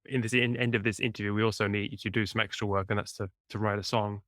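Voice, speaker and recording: Over a video call, a man from England, near Cambridge, hosts a relaxed podcast interview, ribbing his guest warmly and poking fun at himself too. He talks fast in a lower register with fairly flat pitch and a fairly bright tone. The sound is studio quality with no echo.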